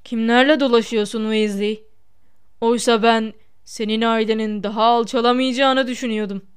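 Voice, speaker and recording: A woman's voice: a little high, steady tone, moderate pace, clean tone, natural voice. Lucius Malfoy, as a woman reads him, sneering. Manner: sneering, mocking. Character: sneering haughty wizard man, cold aristocrat.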